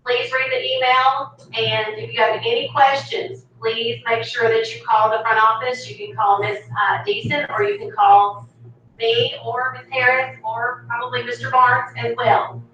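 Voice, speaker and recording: School intercom voice: woman, bright tone, boomy distant speaker. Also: measured pace, a little hiss or hum. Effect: school intercom announcement. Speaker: school office staff. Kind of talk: PA announcement. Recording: distant echoey loudspeaker, muffled.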